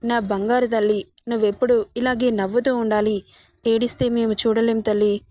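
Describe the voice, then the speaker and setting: A woman voicing a gentle, affectionate father-in-law who soothes and coaxes. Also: a little high, little pitch movement, moderate pace, dry recording, studio quality, lightly acted. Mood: doting. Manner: soothing, coaxing.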